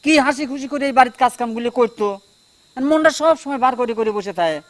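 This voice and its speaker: A man's voice: very high voice, expressive, fast, fairly bright tone. A stern old father. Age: older. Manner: firm, lecturing.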